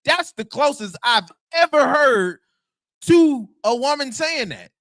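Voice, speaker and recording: A man's voice: very high-pitched, takes it slowly, no echo. Slangy young man with a dry sound. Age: 20s. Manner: animated, slangy, laughing often. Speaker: livestream host. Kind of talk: casual commentary.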